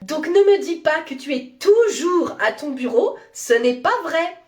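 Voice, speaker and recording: Fussy, high-voiced woman in sketches. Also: expressive, unhurried, darkish tone. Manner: fussy, nitpicking. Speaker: comedy sketch actor. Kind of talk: comedy sketch acting.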